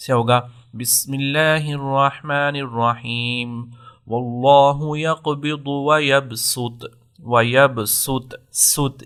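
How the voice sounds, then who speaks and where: A man's voice: medium pitch, pushed and bright. A man teaching tajweed patiently, explaining each point step by step and repeating key rules. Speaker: Quran recitation teacher. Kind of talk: tajweed lesson with slow recited examples.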